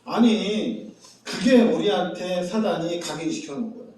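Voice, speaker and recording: A man preaching a sermon as pastor, animated, acting out the quoted voices of the people he describes. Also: sits high, moderate pace. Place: church sanctuary. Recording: echoey church hall from far off.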